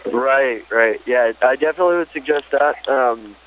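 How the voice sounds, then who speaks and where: A man's voice: medium pitch, fairly bright tone, low-quality recording. Informal male customer service phone agent. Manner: informal, halting, reassuring. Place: on a phone call.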